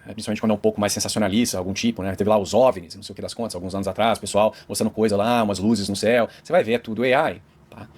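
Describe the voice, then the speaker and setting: A man's voice: fairly low pitch, steady tone, rapid-fire, hardly any pauses, darkish tone. A man with a Brazilian Portuguese accent doing online commentary, conversational, with tag questions. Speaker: commentator in the reacted video.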